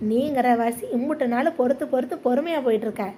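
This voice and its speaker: A woman's voice: high-pitched, quick pace, mellow, slight background noise, lightly acted. A woman voicing a feisty young village wife. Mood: encouraging. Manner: encouraging, blunt, colloquial. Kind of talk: animated village drama.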